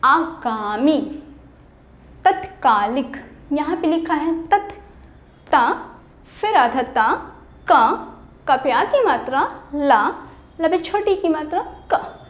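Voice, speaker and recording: High-voiced indian teacher lady doing a kids hindi lesson, patient, spells words out bit by bit. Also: sing-song, takes it slowly, pauses often. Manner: asks pupils questions and answers them herself. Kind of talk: online classroom lesson.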